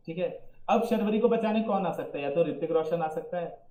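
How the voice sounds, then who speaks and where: High-voiced man roasting a movie. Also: fairly quick, mellow, roomy sound, rough recording. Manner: roasting, emphatic, rhetorical questions. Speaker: podcast co-host. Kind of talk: casual movie review chat.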